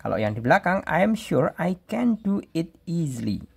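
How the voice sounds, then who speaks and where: A male English teacher from Indonesia, explaining grammar step by step and reading example sentences slowly aloud. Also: a little high, big pitch swings, vocal fry, a little mellow, slightly rough.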